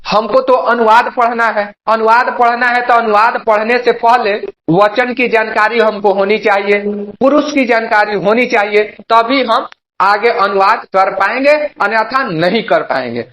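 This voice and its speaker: In a reverberant space with poor audio quality, a young male teacher from Bihar, India, teaches grammar online in a high-pitched, sharp voice at normal speed. He repeatedly asks and answers his own questions, calling his students "babu."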